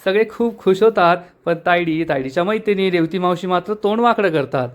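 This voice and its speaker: A man retelling the plot of a TV serial episode in a quick, animated storytelling way. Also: high voice. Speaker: TV serial recapper.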